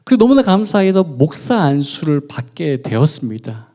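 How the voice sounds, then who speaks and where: A middle-aged male pastor giving a heartfelt testimony sermon, dropping to hushed whispers and rising to loud, pleading outbursts. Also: on the high side, big pitch swings, normal speed. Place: church sanctuary.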